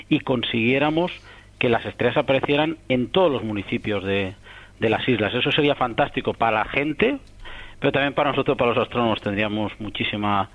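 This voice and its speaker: A man from Catalonia, an astronomer answering interview questions in a thoughtful, rambling way full of restarts and tag questions. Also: mid-range voice. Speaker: astronomer guest. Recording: muffled radio broadcast.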